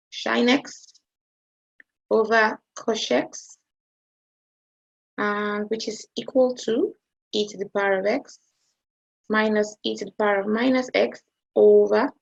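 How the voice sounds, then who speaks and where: Unhurried woman teacher with a creaky voice who keeps asking "okay?", teaching maths online over muffled audio. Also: fairly high pitch. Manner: hesitant, checks in with "okay?" often.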